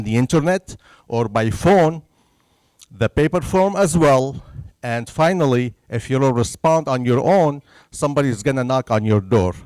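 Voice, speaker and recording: A Syrian man, a native Arabic speaker with a Syrian Arabic accent, gives an earnest public information presentation about the census in an indoor senior center meeting room, checking in with his listeners after each point. His voice is medium-pitched and darkish, and the recording is dry.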